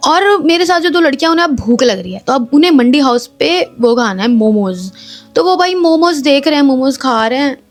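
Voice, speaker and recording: Chatty high-voiced young woman vlogger. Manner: chatty and expressive, with frequent English phrases. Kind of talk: casual storytelling vlog, mixing in English.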